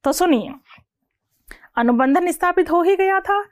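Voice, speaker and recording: High-voiced woman teacher. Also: animated, no echo, studio quality. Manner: repeats and asks the class questions; slows down to read definitions word by word. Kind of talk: classroom lecture.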